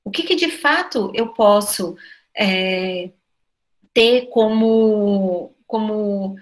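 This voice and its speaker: A Brazilian school director addresses educators at an online meeting over video call, speaking with a Brazilian Portuguese accent. She's lively, asks many rhetorical questions, and often says "né?". Her mid-range voice draws out its words.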